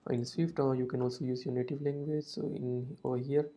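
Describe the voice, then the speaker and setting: A man whose native language is Hindi walks through code step by step in a screen-recorded programming tutorial. His mid-range voice is mellow and level, his pace brisk, and his speech has non-native phrasing and lots of "uh" fillers.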